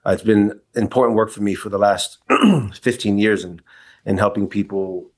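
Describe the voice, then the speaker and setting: A man in his forties from New York City appears as a podcast guest and kink educator, sharing his personal story in a casual interview. He sounds reflective and candid, often restarting his sentences. His voice is husky and on the low side, at a moderate pace.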